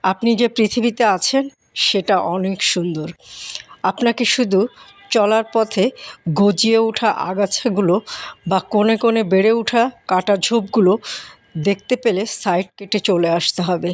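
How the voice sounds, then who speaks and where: A woman's voice: mid-range voice, unhurried, no room sound. A woman vlogger giving motivational advice straight to viewers in short, direct instructions, talking as she eats with her mouth sometimes full. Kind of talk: motivational monologue addressed to viewers.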